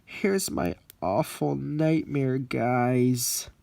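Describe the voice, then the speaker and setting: A timid little steam engine frets and pleads, as a man voices him in a homemade storybook tale. The voice sits a bit higher than the narrator's own, slow and careful. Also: gravelly, mellow, dry recording. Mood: worried. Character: small timid young male steam engine.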